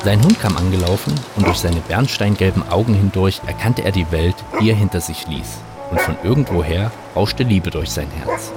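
A man narrating an audiobook in a calm, wry storytelling manner. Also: low-pitched, moderate pace, few pauses. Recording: narration over music.

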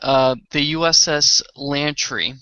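Slow, bright-voiced man with a Boston accent. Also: a little high, fairly even intonation, smooth, no room sound, dull audio, faint music behind. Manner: slow, halting explanations with fillers. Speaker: podcast co-host. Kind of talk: casual chat.

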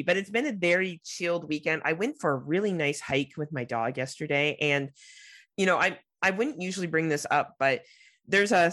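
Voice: mid-range voice, a bit bright, no room sound. A podcast co-host chatting casually and jokingly, with a nasal voice stuffed up by a cold. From Canada. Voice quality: nasal, congested voice. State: has a cold.

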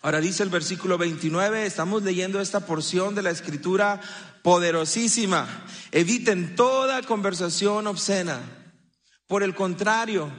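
A man's voice: sits high, fairly bright tone. A man preaching a sermon as a pastor, mixing humor with teaching and acting out the lines people say. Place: church hall. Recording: live church hall reverb.

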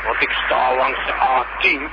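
A man playing a hesitant shopkeeper who phones in to a radio show from a roadside, talking in halting bits full of pauses. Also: medium pitch, level tone, vocal fry. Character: hesitant male shopkeeper phoning in from a busy roadside. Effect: caller heard over a phone line on a radio show. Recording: muffled phone line with loud traffic behind. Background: traffic noise from a busy road.

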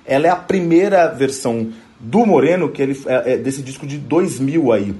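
A man hosts a music program in easygoing commentary. His voice sits in a plain middle pitch. His talk is halting, full of restarts and repeated words as he searches for what to say. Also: expressive, warm tone. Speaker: music show host. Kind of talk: casual radio music commentary.

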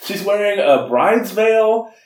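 A man's voice: high voice, animated, slow, a little mellow, roomy sound, far from the mic. A man co-hosting a casual podcast review of a film, laughing often and sounding incredulous. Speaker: podcast co-host.

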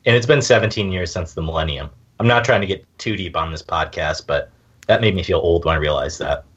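A man in his late twenties, co-hosting a podcast with animated joking chat. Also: low-pitched, fairly quick, breathy edge, lo-fi sound. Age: 20s. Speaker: podcast co-host. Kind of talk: casual chat.

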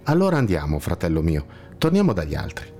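Man voicing a gentle monk in a storybook, calm n reassuring, low voice with a lot of melody. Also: fast, heavily acted. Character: gentle, kindly, slightly ironic blind monk guide.

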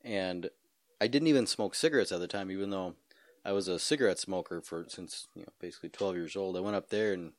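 A young man chatting casually as a podcast host, laid-back and quick to laugh while rambling through stories. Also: sits low, no echo, clean studio sound. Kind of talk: casual chat.

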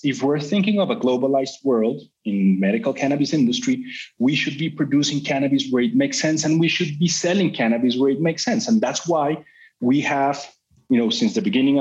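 A man's voice: mid-range voice, a little mellow. A middle-aged man from Colombia, a company CEO telling his story in an interview, talkative and full of "you know" fillers and restarts. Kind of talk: business interview. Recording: slightly muffled sound.

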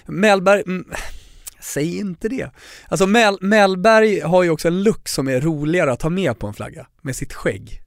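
A man's voice: sits high, no room sound, clean studio sound. A man co-hosting a casual podcast chat, laughing often and swearing casually. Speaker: podcast co-host.

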